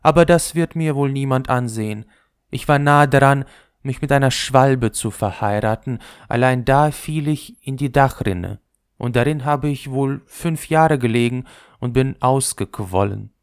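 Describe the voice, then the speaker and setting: A man's voice: medium pitch, measured pace, clean tone, no echo, studio quality, pitched above the performer's own voice, close to an everyday voice. A man voicing a vain young female leather ball in a fairy tale, speaking in an affected, self-important way. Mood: wistful. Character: vain, prim young lady ball, high and haughty.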